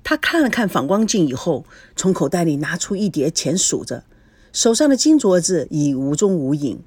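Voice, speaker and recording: A woman narrating an audiobook story with an expressive, dramatic reading. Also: fairly low pitch, moderate pace, breathy edge, no echo. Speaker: story reader.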